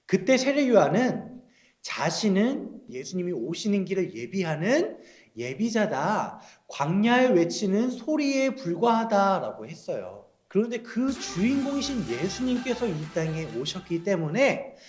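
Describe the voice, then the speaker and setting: Young male children's pastor, gentle questioning tone, lively and high pitch, roomy echo. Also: unhurried. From South Korea. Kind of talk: children's sermon.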